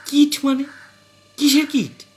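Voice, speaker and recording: A man's voice: very high-pitched, a little slow, bright, forceful tone, voice pushed up, heavily acted. A man voicing a scandalized middle-aged wife who wails, scolds and sobs in a piercing shriek. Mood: suspicious. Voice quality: piercing shriek, wailing and laughing through tears.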